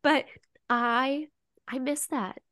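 Young woman, podcast co-host, tearful, sniffly, chatty, fairly high voice, dry sound. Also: steady tone, takes it slowly, fairly bright tone, no room sound. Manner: chatty, emotional, says "like" often. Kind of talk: casual chat.

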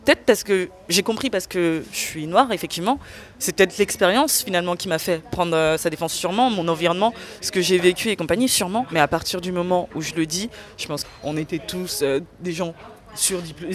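A young woman in an interview, speaking candidly and earnestly about her own experience, often pausing to search for words. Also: fairly low pitch. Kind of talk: candid personal testimony.

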